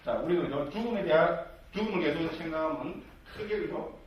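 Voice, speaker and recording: A man's voice: a little high, animated, brisk, highs cut off, slight background noise. Echoey far-off man lecturing on scripture. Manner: peppers talk with tag questions and rhetorical questions; jokey asides. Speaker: Buddhist dharma teacher. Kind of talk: scripture lecture to lay believers. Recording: very echoey hall, mic far off.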